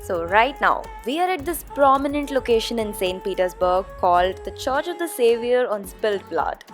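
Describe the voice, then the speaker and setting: A woman's voice: a little high, lively intonation, normal speed, faint music behind. A young woman from India narrating a casual travel vlog, chatty with frequent ums and uhs. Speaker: travel vlogger.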